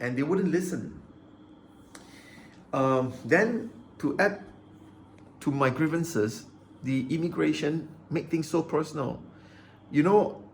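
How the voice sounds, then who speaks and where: Agitated and aggrieved, a man vents personal complaints straight into the camera, going over the same points and stumbling as he restarts. His vlog voice is medium in pitch, with slight noise behind it.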